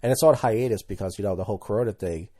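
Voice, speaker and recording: Thirtysomething guy rambling solo on his podcast, soft dark tone, keeps repeating himself. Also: fairly low pitch, racing. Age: 30s. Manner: rambling, candid, stumbles and repeats words. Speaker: podcast host. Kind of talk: casual solo monologue.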